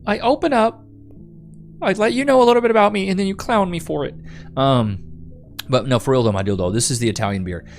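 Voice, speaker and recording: A young Texan man hosts a live stream, chatting casually and reading comments in a laid-back, rambling way, repeating himself and calling people "bro." His voice sits on the high side and moves fairly quickly with frequent pauses. Soft music plays in the background.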